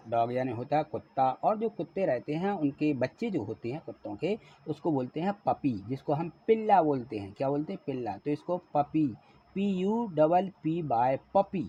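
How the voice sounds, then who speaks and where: Male teacher, fairly high voice, husky, spells words letter by letter, asks questions. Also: warm tone. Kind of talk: classroom lesson explaining a worksheet. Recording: dull lo-fi recording.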